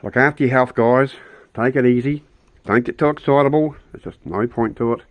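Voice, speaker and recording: A man's voice: mid-range voice, fairly quick, no echo. An older man, chatting blunt and rambling to camera outdoors on his rural property. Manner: rambling, blunt, with many restarts. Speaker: vlogger. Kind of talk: casual chat to camera.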